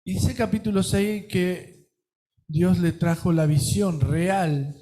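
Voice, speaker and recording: A man with a Rioplatense accent preaching a sermon, telling a story with acted quotes and swinging between loud and soft. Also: high voice, steady tone, slow pace. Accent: Rioplatense Spanish. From Argentina.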